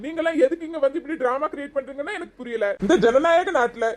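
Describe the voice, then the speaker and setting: A woman's voice: high voice, fast talker, a little mellow. Exasperated woman. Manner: exasperated, mixes in English words. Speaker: comedy sketch performer. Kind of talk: comedy sketch acting.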